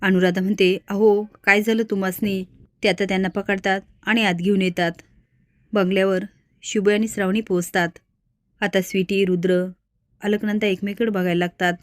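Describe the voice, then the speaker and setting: A woman narrating a drama recap in an even, steady retelling. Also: mid-range voice, moderate pace, no room sound. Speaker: storyteller recapping a serial. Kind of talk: scripted story narration.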